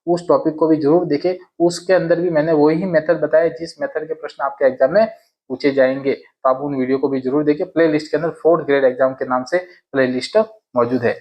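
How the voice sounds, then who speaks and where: A man's voice: a little high, fairly even intonation, a little fast, a little mellow. A man teaching exam grammar in a casual classroom way, repeating each sentence and asking and answering his own questions. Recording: dull lo-fi sound.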